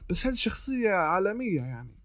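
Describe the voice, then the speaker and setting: A man talks quickly and casually, walking the listener through advice step by step and often restarting his sentences. His voice sits a little high, and the recording is dry and close, with no room sound. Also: sing-song, fairly bright tone, dry recording. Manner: chatty, explains step by step with frequent restarts. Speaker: artist giving freelancing advice.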